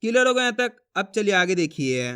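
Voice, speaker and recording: A man with a notably high, bright and very clean voice gives a step-by-step reading lesson. He keeps asking questions and answering them himself, and he stretches each syllable out slowly. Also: very animated, clean tone. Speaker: Hindi reading teacher.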